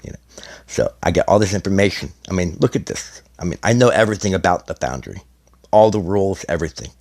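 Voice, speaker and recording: A middle-aged man, slightly hoarse, explaining a strategy game in a rambling, casual way as a gaming content creator. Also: deep voice, lively intonation, quick pace, darkish tone. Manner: rambling, many restarts and fillers. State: slightly hoarse, losing his voice.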